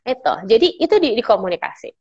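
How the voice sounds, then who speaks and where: A woman giving a lively motivational talk as a trainer, acting out little dialogues in varied voices. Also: fairly high pitch, quick pace, slightly rough, dull audio. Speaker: speaker and trainer.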